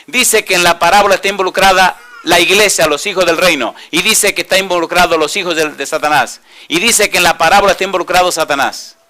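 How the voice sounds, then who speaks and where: A male pastor preaching a sermon, asking the congregation questions and answering them himself, and reading scripture slowly. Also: high-pitched, bright, forceful tone. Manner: reads scripture slowly and deliberately.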